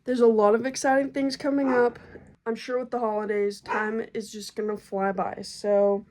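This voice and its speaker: A woman's voice: on the high side, level tone, normal speed, darkish tone, slight background noise. A young woman vlogging a casual update about her pregnancy, chatty and slangy, and out of breath from being heavily pregnant. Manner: chatty, slangy, laid-back.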